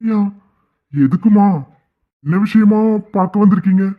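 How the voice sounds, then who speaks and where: A man's voice: high voice, a little slow. A man voicing a humble, grateful middle-aged father who drives an auto-rickshaw in a cartoon, speaking emotionally. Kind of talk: cartoon voice acting. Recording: tinny phone-like audio.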